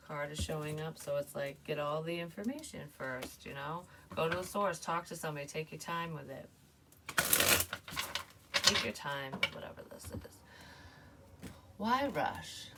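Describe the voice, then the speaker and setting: A woman's voice: deep voice, measured pace, long pauses, far from the mic, heavy background noise. A woman giving a casual tarot reading, talking in a chatty, rambling way full of fillers. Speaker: tarot reader.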